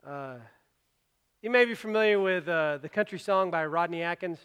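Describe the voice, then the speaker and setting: High-voiced male preacher in a reverberant hall. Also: normal speed, fairly bright tone, clear, resonant tone. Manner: conversational, emphatic preaching with personal asides. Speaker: pastor. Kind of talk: sermon. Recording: long reverb of a large hall.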